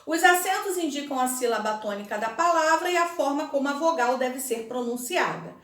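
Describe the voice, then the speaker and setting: High-voiced Brazilian woman teaching slowly. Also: animated, fairly bright tone. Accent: Brazilian Portuguese. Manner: slow, careful word-by-word pronunciation. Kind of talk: recorded remote Portuguese lesson. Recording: echoey room.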